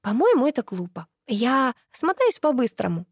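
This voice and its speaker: A woman reading an audiobook, voicing a lively female doctor with a bright, quick-reacting manner. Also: a little high, husky, no echo, clean studio sound, voice pushed up, exaggerated voice. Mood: eager.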